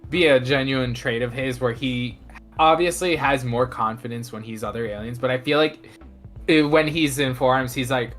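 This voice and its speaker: Sex: man. Pitch: middle. Style: casual podcast chat. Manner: quick, chatty. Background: faint music. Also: a bit bright.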